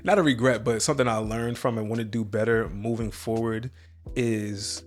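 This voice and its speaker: A young adult man co-hosting a podcast, talking in a relaxed, conversational way. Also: fairly low pitch, moderate pace. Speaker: podcast co-host. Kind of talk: casual chat.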